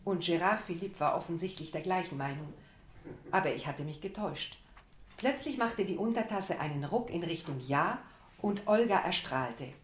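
A woman with a somewhat low voice reads a literary story aloud. Her reading is expressive, and she acts out the dialogue. The recording has a noticeable roomy echo. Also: moderate pace, a little hiss or hum. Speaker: audiobook reader. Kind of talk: scripted literary narration.

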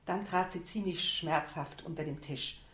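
Lower-voiced woman reading a story. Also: moderate pace. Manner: expressive reading that acts out the dialogue. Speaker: audiobook reader. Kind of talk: scripted literary narration. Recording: roomy echo.

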